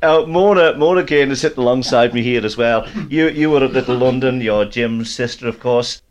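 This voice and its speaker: A man's voice: mid-range voice, a little fast. A man interviewing conversationally, often repeating words as he forms his questions.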